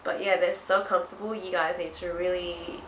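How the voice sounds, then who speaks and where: Low-pitched, congested nasal young woman. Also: level tone, moderate pace, a bit bright. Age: young adult. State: sick with blocked nose and itchy throat. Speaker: fashion haul vlogger. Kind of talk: casual chat to camera. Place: small hard-walled room indoors. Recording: roomy echo, faint background noise.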